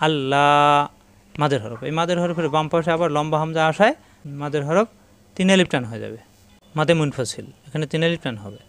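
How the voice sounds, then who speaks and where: A man teaching an online Quran lesson, spelling words letter by letter and chanting slow examples. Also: on the high side, fairly bright tone, smooth. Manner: chants the call to prayer slowly in demonstration.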